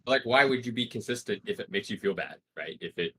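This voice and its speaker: A man with a husky voice in casual chat on a call, arguing through rhetorical questions. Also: fairly low pitch, expressive, fast, fairly bright tone. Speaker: discord call participant.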